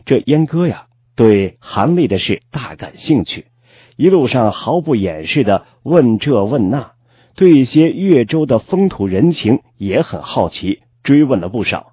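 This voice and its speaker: A man narrating a novel in an expressive storytelling style, drawing out sentence particles. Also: medium pitch, measured pace, breathy edge, no echo. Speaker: audiobook narrator. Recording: slightly dull lo-fi, dry.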